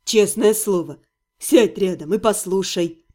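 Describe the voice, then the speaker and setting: A woman voicing a quiet, patient older male healer in an audiobook, speaking softly and calmly. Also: medium pitch, unhurried, pitched below the performer's own voice, natural voice. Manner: quiet, patient, near-whisper. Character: calm older male healer, soft-spoken.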